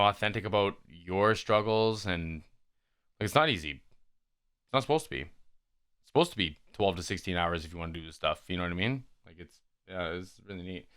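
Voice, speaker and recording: A man talking through a reaction video in a relaxed, rambling way, leaning on "like" and "man". His voice sits a little low, yet it rings bright and comes through smooth and clean. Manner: laid-back, musing, says "like" and "man" a lot. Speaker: YouTube reaction host. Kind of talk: casual reaction commentary.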